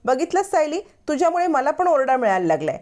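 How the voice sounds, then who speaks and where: Woman doing a sly scheming young woman, complaining, pitched high, storybook retelling. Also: big pitch swings, quick pace, darkish tone.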